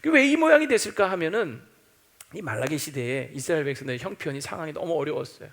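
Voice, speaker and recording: A man's voice: fairly high pitch, very animated, quick pace, gravelly, a bit bright. A male pastor preaching a sermon, acting out doubting voices and quoting scripture as he goes.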